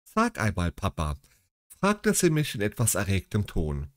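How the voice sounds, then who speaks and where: A man's voice: fairly low pitch, huge pitch swings, unhurried, no room sound. A man reading the lines of a worried young daughter in a storybook.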